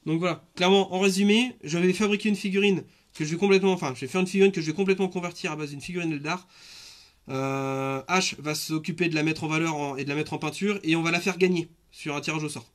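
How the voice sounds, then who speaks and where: Male streamer, 30s, high-pitched, loose rambling live chat with lots of fillers. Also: fairly even intonation, fast. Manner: chatty, rambling with many fillers and restarts.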